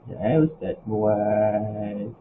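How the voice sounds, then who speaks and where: A man's voice: lowish voice, extremely slow. A male teacher with a Malaysian Malay accent leads an online class, patient and step by step. His voice comes through a tinny, phone-like video call line with a faint hiss behind it. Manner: patient, explains step by step with rising example questions. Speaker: religious school teacher.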